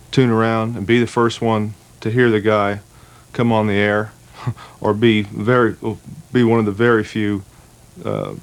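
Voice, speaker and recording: A man who is a radio amateur talks haltingly in an interview, with many fillers. His voice is low and flat in pitch. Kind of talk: casual interview.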